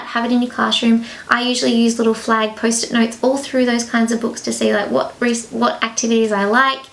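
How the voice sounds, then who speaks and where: A woman's voice: fairly high pitch, fairly bright tone, rough recording. A woman, a teacher giving chatty, reassuring advice to new teachers in a casual vlog, a little out of breath. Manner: chatty, fast-flowing, reassuring advice with many asides.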